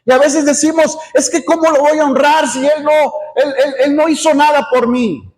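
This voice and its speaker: A middle-aged man preaches from the pulpit in a strikingly high voice. His delivery is earnest, circling back on words and adding an amen as he makes his point. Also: steady tone, moderate pace. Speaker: pastor. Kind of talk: sermon.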